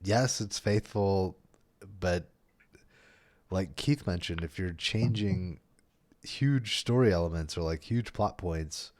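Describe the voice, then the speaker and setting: Guy with a real low voice, earnest and kinda baffled, podcast chat. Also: slow pace, long pauses, a little mellow.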